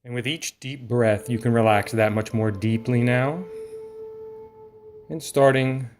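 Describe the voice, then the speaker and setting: Leading a guided relaxation meditation, a man uses a steady, medium-pitched voice to lull the listener. He speaks in short, soothing phrases with long pauses between them.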